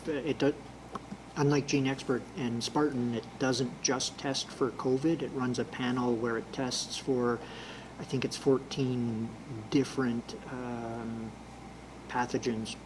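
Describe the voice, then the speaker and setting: A man answering questions as a public health official at a press briefing, explaining things in measured, careful wording. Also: medium pitch, background noise.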